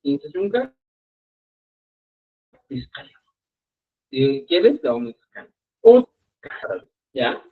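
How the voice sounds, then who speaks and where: A man's voice: on the high side, big pitch swings, extremely slow, long pauses. Guy teaching a live online class, keeps asking if everyone's following, sounds like it's over a phone. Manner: explains patiently with many check-ins like "¿ya?". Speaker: language teacher. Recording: tinny phone-like audio.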